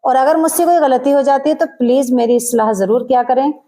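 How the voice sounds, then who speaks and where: A woman with an Urdu accent teaching a grammar lesson, explaining terms and slowing down to pronounce example words carefully. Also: high voice, fairly even intonation, warm tone.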